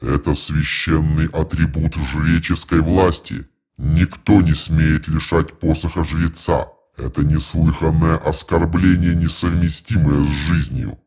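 A man's voice: extremely low pitch, little pitch movement, a little slow, a little mellow, breathy edge, voice pushed down, heavily acted. A man voicing a huge, haughty horned alien priest, heard muffled through a closed door, solemn and lofty. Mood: indignant. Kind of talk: audiobook narration.

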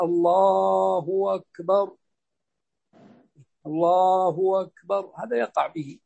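A man teaching a religious lesson, explaining a legal text in a measured way and saying sample pronunciations aloud. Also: on the high side, darkish tone, husky.

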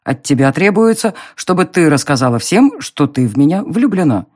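A narrator playing a smug young nobleman who mocks and teases in an audiobook reading, with a slow, drawling, low delivery. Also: very animated, a little mellow. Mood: mocking.

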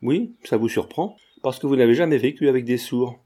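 A man's voice: mid-range voice, brisk, mellow, slightly rough, natural voice. A man voicing a genial old retired druggist who feigns deafness, talking in a sly, affable way.

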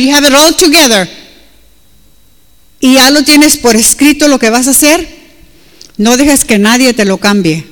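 A woman's voice: high-pitched, a bit bright. Woman, preacher, emphatic, repeats herself, bilingual, reverberant hall. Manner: switches between Spanish and English, emphatic and repetitive. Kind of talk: sermon.

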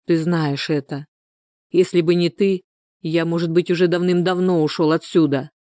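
A woman reading the lines of a pushy, hot-tempered married man in an urgent, gruff manner. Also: fairly low pitch, fairly even intonation, normal speed, dark tone, dry recording, studio quality, lightly acted. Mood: pleading.

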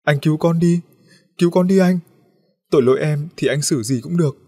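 A desperate young mother begs through her sobs, as a man puts her on. The voice climbs high and gets loud, with a husky edge beneath the strain. It comes from a spoken storybook. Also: a little fast. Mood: sobbing, pleading.

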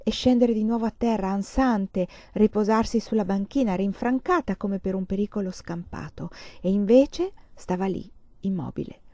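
A woman reading a literary novel aloud in a measured, expressive way, letting sad phrases sink softly. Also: mid-range voice, no echo, dull audio. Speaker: audiobook reader. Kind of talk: literary audiobook narration.

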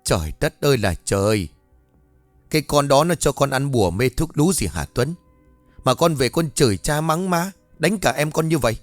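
A man's voice: mid-range voice, animated, fairly quick, dry recording, faint music behind, close to an everyday voice. A male storyteller voicing a domineering, scheming rich older mother who shrieks and scolds. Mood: wailing scolding.

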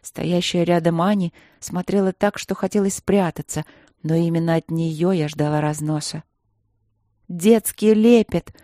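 A woman narrates a first-person audiobook with a steady, dramatic reading. Her voice sits low and sounds dark and mellow. The recording is close and dry. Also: moderate pace, dry recording.

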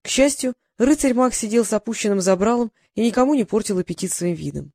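A woman reading a fantasy story aloud as narrator, in lively storytelling narration. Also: a little high, quick pace, dry recording, clean studio sound. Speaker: audiobook narrator. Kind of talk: scripted narration.

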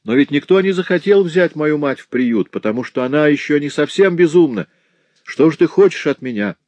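A man's voice: on the low side, normal speed, darkish tone, no echo, dull audio, voice pushed up, lightly acted. A man reading a novel aloud, voicing a bedridden sick wife in a plaintive, whining tone. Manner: plaintive, whiny.

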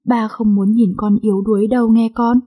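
A woman voicing a frail, dying old father who speaks slowly and tenderly to his daughter. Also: a little high, level tone, mellow, slightly rough.

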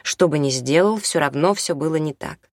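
An audiobook narrator reading prose fiction in a calm, measured way. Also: mid-range voice, no room sound, clean studio sound. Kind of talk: scripted narration.

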